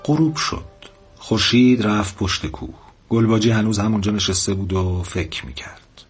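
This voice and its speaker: A man hosting a show and telling a story, gentle and expressive in his narration. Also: on the low side, faint music behind. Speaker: storyteller host.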